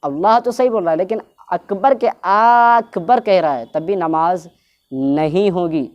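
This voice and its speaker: Woman, religious teacher, fairly low voice, explanatory, stretches words to demonstrate pronunciation. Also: a little mellow, dull audio. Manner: explanatory, repeats points, drags out words to show pronunciation. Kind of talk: religious instruction talk.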